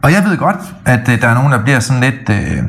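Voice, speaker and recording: A middle-aged man co-hosting a podcast, talking in a casual, animated way that often stumbles and restarts. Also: mid-range voice, gravelly. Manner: animated storytelling with frequent restarts. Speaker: podcast co-host. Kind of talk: casual chat.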